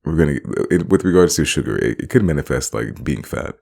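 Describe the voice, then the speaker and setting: A man's voice: a bass voice, lively intonation, a little fast, creaky, darkish tone, slightly rough. A man giving a rambling, casual monologue, often repeating himself and laughing between phrases. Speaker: vlogger.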